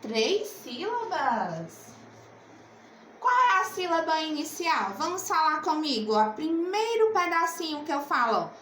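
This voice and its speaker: Lady teacher, high voice, slow and coaxing, echoey room. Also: very animated, a bit bright, slight background noise. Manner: slow, coaxing, asks and answers her own questions. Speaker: primary school teacher. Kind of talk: remote literacy lesson.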